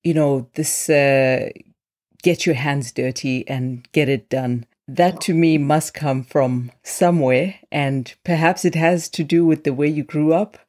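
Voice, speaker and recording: A female interviewer with a notably low, mellow voice guides the conversation. She asks open questions and murmurs soft agreement while her guest talks. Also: fairly even intonation, measured pace. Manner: affirming with frequent soft backchannels.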